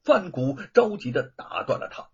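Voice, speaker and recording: A man's voice: on the high side, moderate pace, creaky, slightly rough, muffled recording. A man telling a historical tale in a dramatic, theatrical storytelling style. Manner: animated, theatrical delivery.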